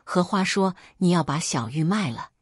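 Stern old village chief guy voiced by a woman, low and husky. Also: expressive, moderate pace, no room sound, clean studio sound. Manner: stern, serious.

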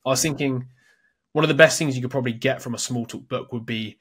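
A man's voice: medium pitch, fast talker, fairly bright tone, husky. A man co-hosting a casual book-summary chat, thinking aloud with many restarts. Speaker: podcast co-host.

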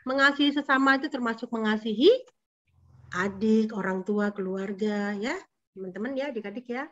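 Sunday school teacher lady, high bright voice, keeps asking the kids stuff, kinda muffled lo-fi sound. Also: normal speed. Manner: animated, coaxing, asks kids questions. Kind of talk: lively sermon for children. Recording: dull lo-fi recording.

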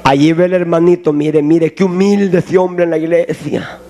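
A man's voice: fairly high pitch, steady tone, moderate pace, dark tone, slight background noise, pitched below the performer's own voice, lightly acted. A preacher doing the voice of a sly male devil who mocks churchgoers with gossiping, sneering asides.

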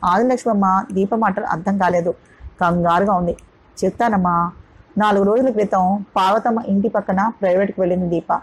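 A woman narrating an audio novel in a steady storytelling cadence. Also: medium pitch, brisk, slightly rough, rough recording.

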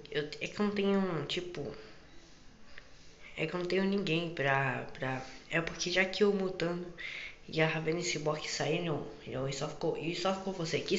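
A man with a fairly high voice talks through an improvised game story in a casual, hesitant way. He repeats phrases often, and the muffled recording has room echo. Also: a bit bright. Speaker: gaming video creator. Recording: muffled, echoey room with background noise.

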